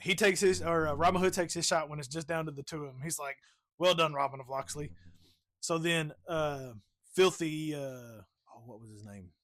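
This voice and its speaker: A man's voice: fairly high pitch, normal speed, fairly bright tone, no echo. A man co-hosting a casual movie review podcast, laughing often and acting out scenes as he retells them. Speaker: podcast co-host.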